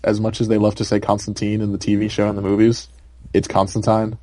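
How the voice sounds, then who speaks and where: Brief: young male podcast co-host, low mellow voice, loose rambling delivery full of "like" and "um". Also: monotone, quick pace, no room sound. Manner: rambling, filler-heavy, laughs often. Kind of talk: casual chat.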